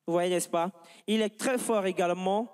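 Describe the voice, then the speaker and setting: A man doing stand-up and introducing acts on a comedy stage, animated and hyping up the crowd. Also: high-pitched, moderate pace, smooth. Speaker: comedy show host. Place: large stage with live audience. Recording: live stage sound with long reverb.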